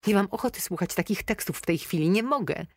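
A woman's voice: low-pitched, normal speed, darkish tone, dry recording. Woman doing a worn-out heartbroken girl on the phone, tired strained voice, sniffly, dry close sound. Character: heartbroken young woman, weary and tearful. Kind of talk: audiobook character voice.

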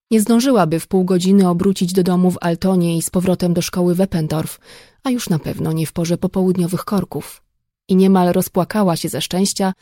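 A woman reading an audiobook in steady, even scripted narration. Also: on the low side, no room sound, studio quality.

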